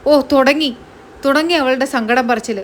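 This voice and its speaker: A gruff retired army colonel and father, as a woman reads him, brushing off every request with curt scorn. His speech is pitched fairly high and comes through with a faint hiss behind it. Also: moderate pace, natural voice. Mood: scornful.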